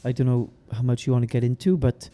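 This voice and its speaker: Mellow young Welsh Valleys man. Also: mid-range voice, steady tone, fast talker. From South Wales valleys. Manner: laddish, sweary, colloquial. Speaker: podcast co-host, amateur bodybuilder. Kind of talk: casual chat, anecdotes.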